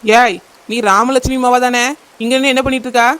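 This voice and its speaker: A woman's voice: on the high side, fairly even intonation, a little fast, fairly bright tone, close to an everyday voice. A woman voicing a bossy, grumbling neighbour aunt in a cartoon, with a Kanyakumari Tamil accent. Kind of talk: cartoon voice acting.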